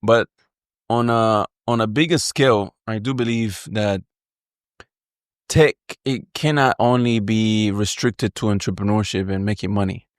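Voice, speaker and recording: A man talking as a roundtable guest in a relaxed, candid, easygoing way. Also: on the low side, a little slow, no echo, studio quality. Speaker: guest, Arabic school founder. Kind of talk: casual roundtable chat.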